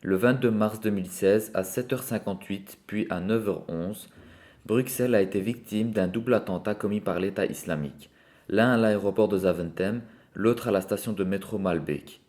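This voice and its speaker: A man reads a scripted narration in a steady, informative tone. His voice sits fairly low. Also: moderate pace.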